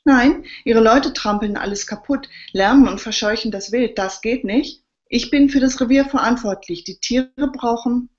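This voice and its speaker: Lady doing a croaky grumpy old forester guy, muffled lo-fi sound. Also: mid-range voice, lively intonation, moderate pace, hardly any pauses, voice pushed up, close to an everyday voice. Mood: indignant. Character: crotchety old male forester, bossy.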